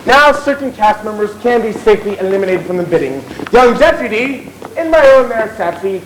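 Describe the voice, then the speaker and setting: A man's voice: high-pitched, very animated, fairly quick. An actor playing a bossy, theatrical Victorian music hall chairman, declaiming and bantering with the audience on stage. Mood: showy, bantering. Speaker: master of ceremonies. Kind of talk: comic stage musical narration. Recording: noisy live theatre audience recording.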